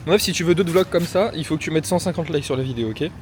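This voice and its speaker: A man's voice: fairly high pitch, fast, background noise. A young man chatting casually in a travel vlog, rambling and slangy, filmed on a handheld camera at a hotel. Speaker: vlogger.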